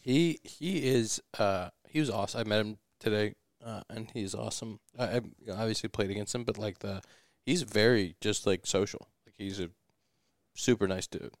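A man's voice: fairly low pitch, moderate pace, no room sound, studio quality. A man hosting a casual podcast chat in person, talking in an easygoing, rambling way. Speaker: podcast host and pro baseball player. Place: studio, in person.

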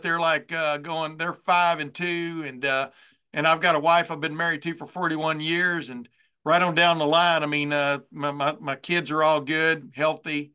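Bright-voiced chatty older male host. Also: a little high, clean tone. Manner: rambling, chatty, many fillers and restarts. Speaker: sports talk host. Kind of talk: casual sports interview.

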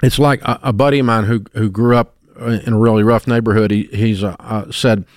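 A man's voice: lowish voice, steady tone, a little fast, no echo, studio quality. A man in his sixties with a Southern US accent, hosting a radio show and telling stories in a folksy way with frequent restarts. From American South. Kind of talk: casual radio talk.

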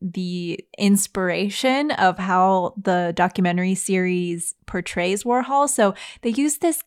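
A woman's voice: mid-range voice, unhurried, smooth. A woman editor chatting casually on a news roundup podcast, hesitant with frequent ums and easy laughter. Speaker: newsletter editor.

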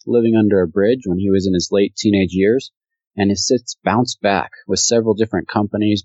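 A man hosting a podcast, reading an upbeat, even intro and asking interview questions. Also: lowish voice, slightly rough, no echo. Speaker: podcast host. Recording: dry, muffled audio.

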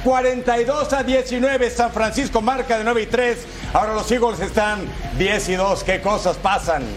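A man presenting American football highlights with touchdown calls, playful and exclamatory, throwing in rhetorical questions. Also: moderate pace, music in the background.

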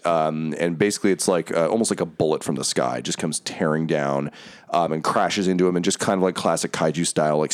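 A man's voice: low-pitched, smooth. A man narrating as game master, loose and laughing, full of fillers and swearing.

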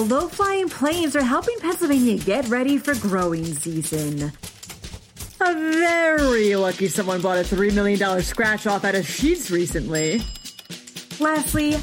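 A female podcast host reads the local headlines in a brisk, upbeat way. Her voice sits at a middle pitch, and soft music plays faintly behind her. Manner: brisk, upbeat newsreader delivery. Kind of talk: scripted news reading.

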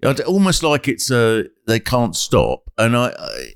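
An older man, hosting a comedy podcast and telling a family story with animated, acted-out quotes. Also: medium pitch, a little slow. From England. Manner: animated, acts out quotes in sudden loud voices. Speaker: comedian host. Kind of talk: casual comic storytelling.

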